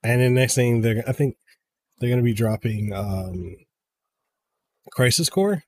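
A man in his thirties, a game reviewer guesting on a podcast, talking in an excitable way and often stumbling over repeated words. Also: medium pitch, measured pace, slight background noise. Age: 30s. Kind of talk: casual podcast chat.

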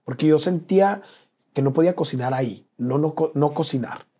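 Man, interview guest, earnest personal storytelling, dark husky tone. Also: fairly high pitch, a little fast. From Mexico. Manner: earnest, slangy, drops to a hush at painful moments.

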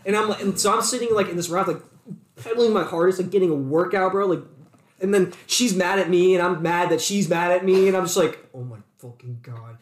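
Young guy podcast cohost, kinda high voice, acts out the argument voices, echoey room. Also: quick pace. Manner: animated storytelling, acts out both sides of quarrels. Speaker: podcast co-host. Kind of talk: casual chat.

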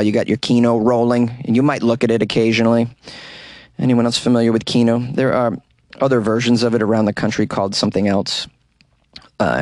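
A man's voice: on the low side, no echo. Guy doing a funny news podcast from a closet, super dry sound, wry and rambly, pokes fun at himself. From New England. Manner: rambling, self-deprecating, wry. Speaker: podcast host. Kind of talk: casual comedic commentary on odd news. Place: small hot closet.

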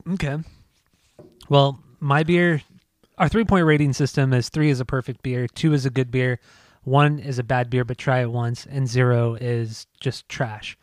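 Speaking at a moderate pace with a steady, medium-pitched voice, this man co-hosts a podcast and trades swear-filled jokes with a friend in relaxed, casual conversation. The studio-quality recording has no room sound.

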